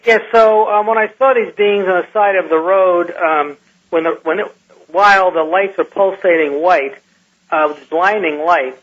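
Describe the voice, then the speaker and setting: A man who is a scientist recounts an encounter in a radio interview, halting and restarting often as he talks. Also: high voice, steady tone, a bit bright. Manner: halting, with many restarts and fillers. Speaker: guest scientist. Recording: muffled lo-fi radio line.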